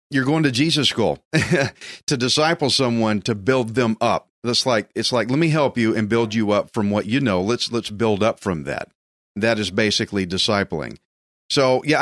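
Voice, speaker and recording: A man's voice: medium pitch, fairly bright tone, no room sound, studio quality. A man hosting a faith talk show, interviewing a guest in an encouraging, affirming way.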